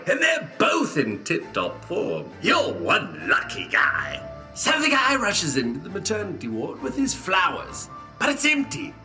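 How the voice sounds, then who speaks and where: Sadistic clown villain: high, slow, mocking, theatrical cackle. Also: male voice, vocal fry, sharp tone, full character voice. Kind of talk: audio drama acting.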